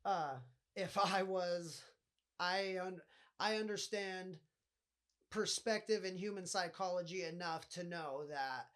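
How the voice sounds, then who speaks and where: A man's voice: high voice, slow pace, fairly bright tone. A man with a nasal voice hosting a casual solo podcast, rambling and swearing often as he talks. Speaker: podcast host.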